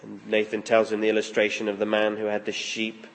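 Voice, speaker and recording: A man leading a church service as pastor, praying softly and slowly with long pauses, then reading scripture aloud with rising emphasis. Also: lowish voice, completely flat delivery, gravelly. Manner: slow, soft prayer with long pauses. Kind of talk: prayerful sermon. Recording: long hall reverb.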